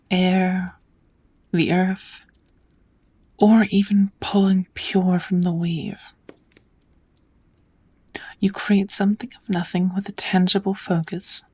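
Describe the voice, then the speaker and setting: A gentle witch lesson: the woman's medium voice carries a breathy edge as she patiently teaches magic. The ASMR roleplay is soft and often whispered, her tone kind, measured and somewhat formal.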